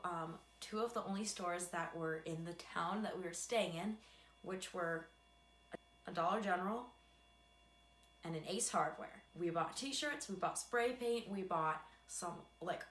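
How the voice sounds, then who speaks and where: A woman's voice: fairly low pitch, measured pace, a bit bright. Young american woman doing a casual storytime, chatty n self-deprecating, echoey room w a bit of background hum. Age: young adult. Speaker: video creator telling a personal story.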